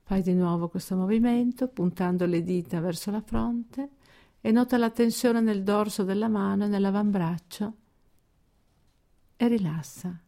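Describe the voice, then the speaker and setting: This progressive muscle relaxation exercise is narrated from a script by a woman of medium pitch. She gives calm, measured instructions and pauses deliberately.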